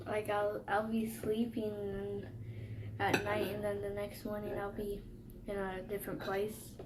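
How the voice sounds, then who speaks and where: A woman's voice: medium pitch, monotone, a little slow, background noise. A woman, a co-host chatting at a kitchen table and telling a story hesitantly. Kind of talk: casual mukbang chat. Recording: dish clatter under the voice. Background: clinking dishes and cutlery.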